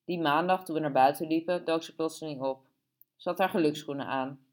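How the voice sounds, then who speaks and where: Low-voiced woman reading an audiobook. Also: fairly quick, darkish tone. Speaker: audiobook narrator. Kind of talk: scripted narration.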